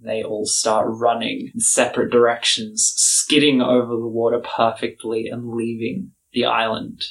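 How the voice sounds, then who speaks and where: A man narrating a tabletop game as game master, with dramatic, measured storytelling. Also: mid-range voice, flat delivery, vocal fry, low-quality recording.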